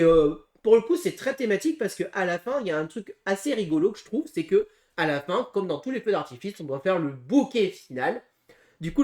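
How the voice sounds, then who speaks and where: A man co-hosting a casual board game preview, talking through game rules with frequent pauses and restarts. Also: sits high, a little mellow. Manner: hesitant, full of pauses and restarts while explaining rules. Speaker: board game channel co-host.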